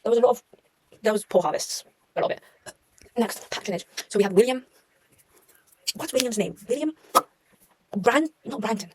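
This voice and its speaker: A woman's voice: on the high side, expressive, moderate pace, long pauses, darkish tone, a little hiss or hum, poor audio. A young woman talking through her history revision notes in a casual, chatty way, often correcting herself and making wry asides. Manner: chatty, self-mocking, trails off and corrects herself.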